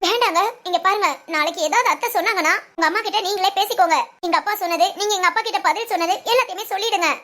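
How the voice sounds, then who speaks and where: A woman's voice: very high voice, sharp tone. A woman voicing an anxious young pregnant wife in a cartoon family drama, pleading and worried. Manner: pleading, worried, fast questions.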